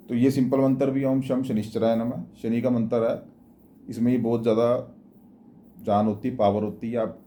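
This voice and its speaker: A man's voice: mid-range voice, dark tone, slight background noise. A man giving plain, repetitive spiritual and astrology advice in a casual spoken manner, often restarting his words. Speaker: astrology and devotional speaker.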